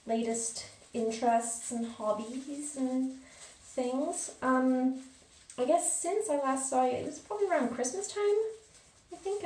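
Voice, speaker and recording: A woman chats casually to her viewers in a slow, unhurried way, rambling with plenty of fillers. Her voice rings with strong echo off the hard walls of a small bathroom. She sits a little back from the mic. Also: high-pitched, darkish tone, far from the mic. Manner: chatty, rambling, with many fillers. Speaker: vlogger. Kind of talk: casual catch-up chat. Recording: echoey bathroom, voice a bit off-mic.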